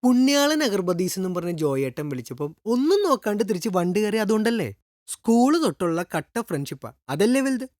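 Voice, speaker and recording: An actor playing an eager, pleading young sidekick in a comedy film, wheedling colloquially in a Thrissur Malayalam accent. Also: male voice, sits high, sing-song, a little fast, darkish tone, no echo, clean studio sound. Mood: pleading, earnest. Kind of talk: naturalistic film comedy acting.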